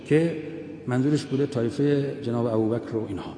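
A man delivers a religious history talk, telling it as a story and stressing the quoted lines. His voice is mellow and dark-toned. It echoes through a large hall with a faint hum of room noise behind. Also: mid-range voice. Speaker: religious lecturer.

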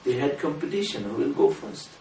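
A man giving an earnest sermon to a small gathering, speaking in a measured way that rises for emphasis. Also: medium pitch, huge pitch swings, darkish tone. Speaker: religious speaker. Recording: roomy room from a distance, faint noise.

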